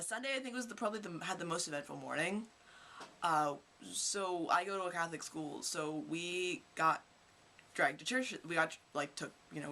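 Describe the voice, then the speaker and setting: Bright and forceful at a medium pitch, the voice comes from a teenage vlogger in Kentucky. The high school student chats casually to the camera, telling long, rambling stories.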